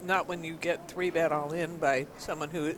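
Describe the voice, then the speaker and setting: A man calls live poker from a commentary booth, his voice pitched a little high. He reasons through each hand analytically, filling pauses with "you know". A crowd murmurs in the background. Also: flat delivery.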